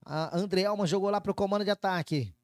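A Brazilian man gives live play-by-play football commentary. His voice sits high for a man, and the sound is dry, with little room in it. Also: fairly quick, dry recording.

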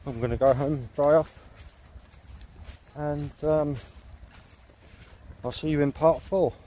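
A man's voice: fairly high pitch, steady tone, slow, warm tone, slight background noise. Hesitant man filming outdoors. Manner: hesitant, many ums and restarts. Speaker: wildlife photography vlogger. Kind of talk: casual outdoor video diary. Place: outdoors by water in nature.

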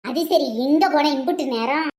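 A nosy mother-in-law who scolds and mutters under her breath, as a woman puts her on for a comedy skit. The voice sits very high and rings in an echoey room. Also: moderate pace, a little mellow, close to an everyday voice. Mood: suspicious.

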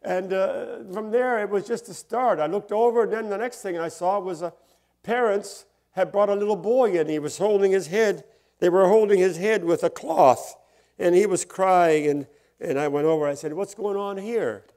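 An older male pastor preaching in a slightly high voice. He tells personal stories in a relaxed, conversational way, chuckles often, and now and then climbs into loud, emphatic bursts. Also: normal speed.

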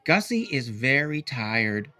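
A calm young boy puppeteer speaks in a hushed, slightly raised voice, put on by a man reading a storybook. The delivery is slow and gentle. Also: medium pitch, full character voice. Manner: quiet, hushed. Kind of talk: picture book read-aloud.

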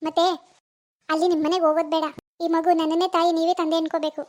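Cartoon: doting young mom, woman's voice, very high and quick, chatty and fussy. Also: flat delivery. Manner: fussy, chatty, coos softly to the baby. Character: young adult woman, new adoptive mother, doting. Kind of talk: animated cartoon voice acting.

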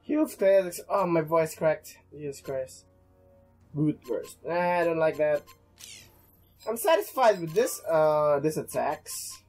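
A casual gameplay commentator reacting out loud while playing, cursing and grumbling at the game. The voice moves a lot in pitch, with faint game music underneath. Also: lively intonation, slow. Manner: reacting with swearing and complaints. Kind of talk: casual let's-play commentary. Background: game music and audio.

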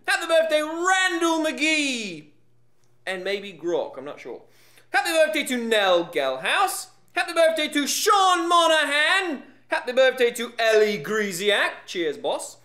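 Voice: sits high, full character voice. An actor voicing a pompous, aristocratic puppet monster lord who hosts a comic vlog with old-fashioned slang. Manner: pompous, animated, British-style slang. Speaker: host.

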